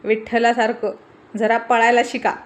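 A woman voicing a bossy, quick-witted village man who orders hotel staff around, scolding and teasing in a commanding tone. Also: a little high, level tone, natural voice. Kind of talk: storybook reading with character voices.

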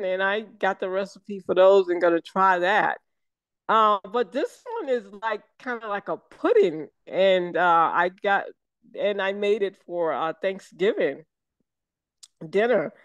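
Older Southern woman, unhurried, rambling guest on a video call, smooth clear tone. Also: mid-range voice, expressive, dry recording, dull audio. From American South. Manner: slow, meandering, many fillers and restarts. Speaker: guest, syrup maker. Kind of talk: casual interview over video call.

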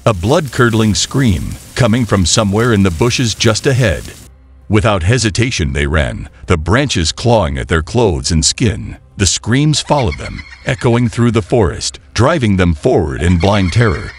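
A man narrating a scripted horror story in a dramatic, suspenseful way, with a husky voice. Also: fairly low pitch, sing-song, a little slow.

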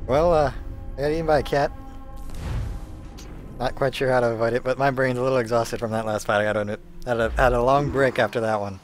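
A man's voice: mid-range voice, steady tone, fast talker, soft background music. A man giving casual video game playthrough commentary, with wry, grumbling, rambling asides. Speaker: gameplay commentator. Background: game ambience.

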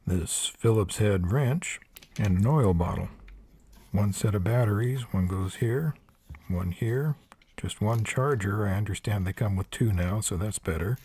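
Older guy doing a hands-on tool review at a workbench, deep gravelly voice, dry practical asides. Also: mellow. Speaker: product reviewer. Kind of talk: hands-on product review narration. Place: workshop table.

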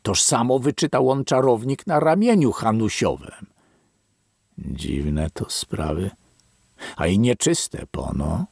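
A man narrating a classic novel as an audiobook, in measured, expressive storytelling. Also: on the low side, gravelly, slightly rough, no echo, clean studio sound. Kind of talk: scripted literary narration.

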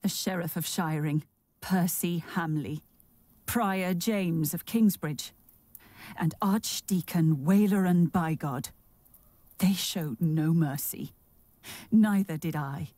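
An actress playing a mother who tells her son a sad story in a slow, hushed manner, often sinking to a whisper. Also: lowish voice, dry recording.

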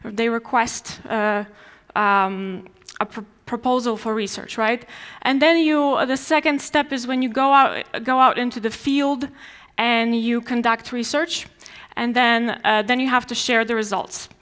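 On a large, dark conference stage before an audience, a young Polish woman with a Polish accent gives a conversational talk. Her voice is on the high side and a bit bright, steady and measured, and she often restarts sentences with fillers.

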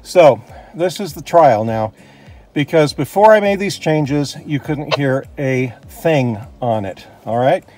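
This vlogger, an American man about fifty-something, demonstrates Jeep radio equipment in a relaxed, musing way, both beside a vehicle outside and in a truck cab. He speaks slowly in a slightly high, expressive voice with a somewhat mellow quality.

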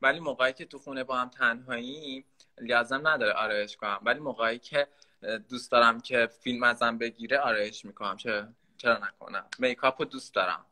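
A man's voice: mid-range voice, fairly even intonation, bright, forceful tone. A man in his twenties from Iran, a guest on a video call, talkative and playful. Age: 20s. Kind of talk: casual live-stream chat.

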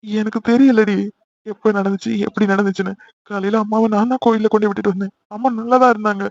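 A man's voice: high voice, level tone, fast talker, no room sound. A man voicing a worried, protective young man in an amateur cartoon, talking earnestly and pleading. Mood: anxious. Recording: dry, slightly dull lo-fi recording.

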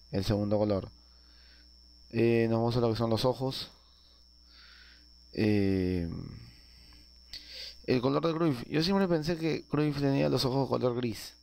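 A man's voice: medium pitch, gravelly, mellow, dry recording. A man narrating a casual video game tutorial, explaining each step with frequent filler sounds and tag questions. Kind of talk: casual screen-recorded game tutorial voice-over.

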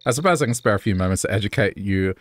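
A man voicing a vain, flamboyant character who adores flattery, in a raised, theatrical reading. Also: fairly low pitch, racing, dry recording, natural voice. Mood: smug.

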